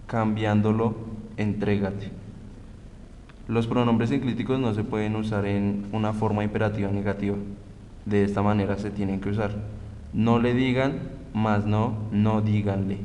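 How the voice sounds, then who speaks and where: A young man from Colombia explains grammar rules slowly, pausing and restarting mid-sentence. His voice is low and flat, with a long reverb and a faint rumble behind it. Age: young adult. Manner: slow, halting explanation. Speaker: student presenter. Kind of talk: reading a grammar tutorial.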